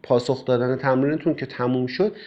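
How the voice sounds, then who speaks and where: A man's voice: mid-range voice, darkish tone. A male English teacher explains step by step how to study with a textbook, often using filler sounds. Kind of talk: classroom explanation. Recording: slightly dull, lo-fi recording.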